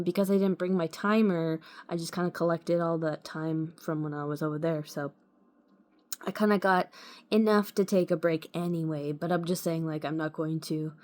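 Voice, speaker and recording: A woman talking casually to the camera in a rambling way, full of fillers and restarts. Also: fairly low pitch. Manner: rambling, many fillers, frequent "like" and "you know". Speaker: vlogger.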